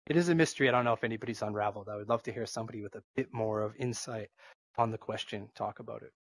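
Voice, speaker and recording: A man's voice: lowish voice, racing, husky. A man with a Boston accent, chatting as a guest in a casual interview, rambling with lots of fillers. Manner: rambling, filler-heavy, animated.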